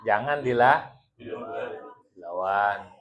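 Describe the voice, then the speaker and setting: A man's voice: on the low side, expressive, slow pace, muffled recording. Playful man giving a joking religious talk. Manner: playful, teasing, laughs often with the audience. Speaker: Islamic teacher leading a women's study group.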